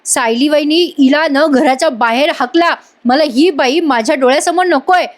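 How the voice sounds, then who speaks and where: A woman's voice: high voice, normal speed, voice pushed up, close to an everyday voice. A woman voicing an angry young husband who curtly orders someone out, in a TV serial recap. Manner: curt, dismissive.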